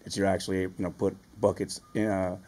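A man's voice: deep voice, flat delivery, fairly quick, dark tone. A man, a reporter, asking direct questions at a press conference.

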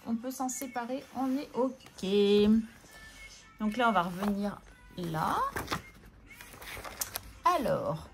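Chatty woman counting money aloud. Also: on the high side. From France. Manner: talks to herself, scolds herself by name, counts aloud. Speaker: budgeting vlogger. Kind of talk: casual chatty talk to camera while counting money.

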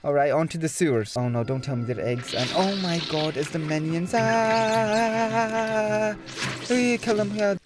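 A man's voice: sits high, fairly even intonation, measured pace. A man giving casual, playful gameplay commentary, with exclamations and swearing. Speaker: gamer. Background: game music.

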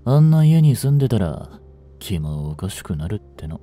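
Playing the same kind of role, a blunt and languid delinquent who protects his childhood friend, a man drawls gruffly and teasingly in an intimate audio drama, sounding teasing yet sullen. He speaks at a moderate pace in a lowish, mellow, very animated voice.

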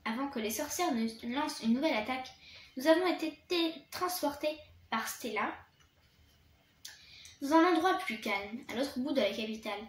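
A woman's voice: high voice, expressive, normal speed, roomy sound. A woman reading a children's storybook aloud in the first person, stumbling now and then and restarting words. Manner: reads with occasional restarts and slips.

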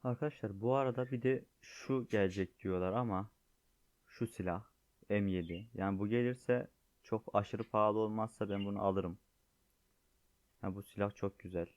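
Low-voiced sick man commenting on a game. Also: darkish tone, dry recording. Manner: chatty, addresses viewers as friends. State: sick, voice strained. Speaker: gaming YouTuber. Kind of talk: casual gameplay commentary. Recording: dull, lo-fi dry sound.

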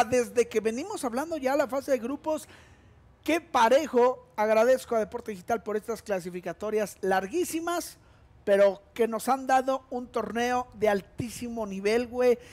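A man with a Mexican accent doing casual, slangy esports commentary with joking banter. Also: very high voice. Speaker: esports caster.

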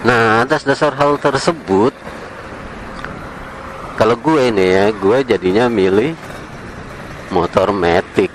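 A man chatting casually while riding a motorcycle, with relaxed slang and small chuckles, recorded on a helmet camera. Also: lowish voice, slow pace, pauses often, poor audio. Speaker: motovlogger. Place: on a motorcycle in night city traffic. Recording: faint traffic noise outdoors.

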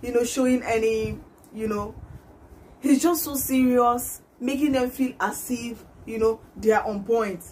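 A woman's voice: a little high, fairly even intonation, measured pace, darkish tone. Woman in her twenties, giggly reaction-vlog host, chatty, camera mic in a small room, faint hiss behind. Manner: chatty, laughs often, lots of fillers. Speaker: YouTube reaction vlogger. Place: small indoor room, patterned wall backdrop.

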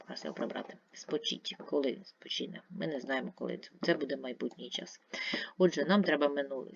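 Animated, gravelly-voiced woman teacher. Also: low-pitched, no room sound, lo-fi sound. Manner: patient, step-by-step, asks and answers her own questions. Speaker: primary school teacher. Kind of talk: video lesson explaining grammar.

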